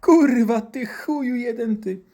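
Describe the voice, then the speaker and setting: Man playing a panicky little boy, shrill squeaky voice, swearing, loud. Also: huge pitch swings, unhurried, husky, full character voice. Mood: panicked. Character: terrified foul-mouthed little boy patient.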